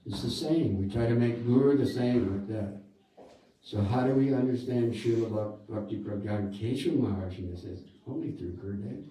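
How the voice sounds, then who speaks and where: A man preaching in a relaxed, chatty way, with a very dark and mellow tone. His voice comes from a distance and rings through an echoey temple hall. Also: mid-range voice, normal speed. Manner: conversational, with many asides. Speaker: guru giving a talk. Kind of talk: sermon. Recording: echoey hall, speaker off-mic.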